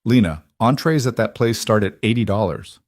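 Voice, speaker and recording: A young woman roommate teases and frets over her friend, as a male narrator puts her on. The voice is fairly low, lifted slightly, recorded dry and close. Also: lively intonation, moderate pace, dry recording. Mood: teasing.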